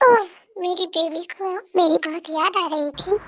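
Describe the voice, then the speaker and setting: A woman's voice: extremely high pitch, steady tone, unhurried, a bit bright, a little hiss or hum. A woman voicing an anxious young man who pleads and repeats his girlfriend's name when scared, in an amateur audio drama dub. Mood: teasing.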